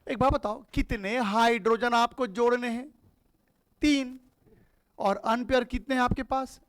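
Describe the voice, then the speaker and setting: A man's voice: very high-pitched, fairly even intonation, unhurried, fairly bright tone. A man teaching a chemistry class. He asks his students questions and answers them himself, calling them "beta". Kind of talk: classroom lecture.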